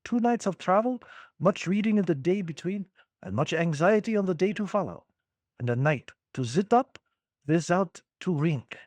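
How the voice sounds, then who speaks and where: A man voicing a confident elderly male professor with a put-on German accent and quiet, halting foreign phrasing. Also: high-pitched, animated, dry recording.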